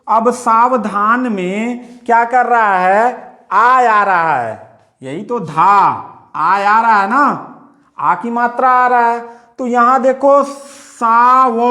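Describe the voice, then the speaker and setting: A man's voice: high voice, a bit bright. A male teacher giving an exam-prep grammar lesson, explaining step by step and repeating his own questions back to the listener.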